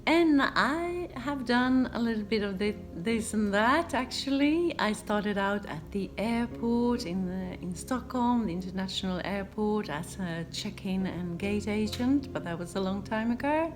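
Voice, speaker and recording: A woman in her fifties from Sweden with a Swedish accent, a non-native English speaker, answering viewer questions in a relaxed vlog with many pauses and ums. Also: mid-range voice. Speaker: home renovation YouTuber. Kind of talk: casual Q and A vlog.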